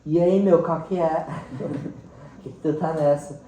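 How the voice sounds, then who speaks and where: A fairly high, warm voice speaks slowly and steadily. The man, a teacher from Mato Grosso do Sul with a central-western Brazilian accent, tells casual, animated stories in an interview, peppered with little acted quotes. It's recorded on a distant mic in a roomy space with faint background noise.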